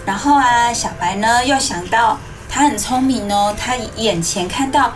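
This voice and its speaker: A woman hosts a children's story programme, reading as if to a toddler, in animated simple phrases with coaxing questions. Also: fairly high pitch, measured pace, far from the mic, rough recording. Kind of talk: interactive storytelling to young children, asking questions. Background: music.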